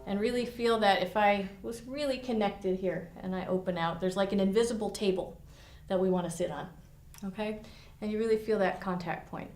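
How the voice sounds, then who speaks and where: A woman's voice: mid-range voice, brisk, hardly any pauses, a little mellow. A woman teaching viola technique to students in a studio, explaining with vivid images and encouraging tone. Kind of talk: instructional lesson with demonstration. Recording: echoey room.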